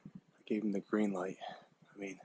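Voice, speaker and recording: Man, deep-ish voice, out of breath, hushed whispering, snowy woods, handheld camera, noisy outdoor recording with clicks. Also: little pitch movement, normal speed. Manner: hushed, often whispering while stalking. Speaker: deer hunter tracking in snow. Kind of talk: casual hunting vlog commentary.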